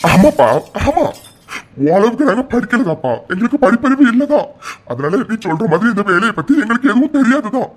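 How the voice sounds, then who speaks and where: Cartoon role: man doing a loving, simple village uncle, husky and high. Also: big pitch swings, a little fast, heavily acted. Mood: hurt, bitter. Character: humble uneducated village uncle, proud and loving. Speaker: uncle of the family. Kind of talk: cartoon voice acting.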